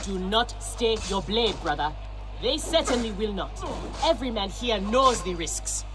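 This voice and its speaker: A woman's voice: medium pitch, animated, a little slow, music in the background, lightly acted. An actress playing a bold, boastful, fierce gladiator woman in a video game, swaggering and proud. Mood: grim, fierce.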